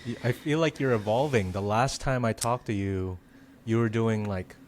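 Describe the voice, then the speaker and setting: A man's voice: lowish voice, moderate pace, a little hiss or hum. A man hosting a podcast, chatting casually and asking curious questions. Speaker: podcast host.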